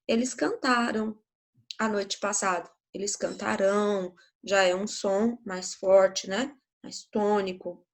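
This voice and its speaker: A woman's voice: mid-range voice, a bit bright. A woman teacher with a Brazilian Portuguese accent, giving a grammar lesson to schoolchildren in a patient, explanatory way, often checking in with the class.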